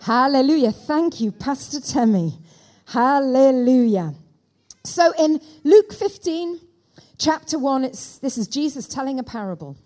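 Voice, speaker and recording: Woman preacher at a pulpit mic in church, high voice, keeps calling out for amens. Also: lively intonation, unhurried, dark tone. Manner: calls out for amens from the congregation. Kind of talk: sermon.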